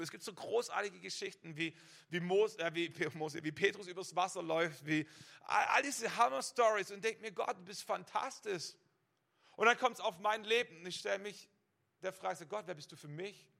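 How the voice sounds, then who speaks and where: A male preacher with a high, gravelly voice and a sharp, forceful tone addresses his listeners directly in a sermon. He piles up rhetorical "what if" questions one after another and often restarts a phrase by doubling its first word.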